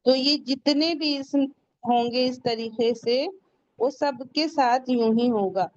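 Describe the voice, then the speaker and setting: A woman teaching recitation, speaking slowly and patiently in a fairly high voice. She explains each rule step by step, asks questions and answers them herself, and draws out the Arabic words with care. The recording is dry and a little dull. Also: no echo. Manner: slows down to pronounce Arabic words carefully. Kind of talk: tajweed lesson.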